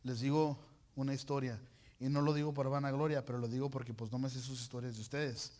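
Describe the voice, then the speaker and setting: A man preaching a sermon in an animated, joking way, full of colloquial slang. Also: medium pitch, fast talker.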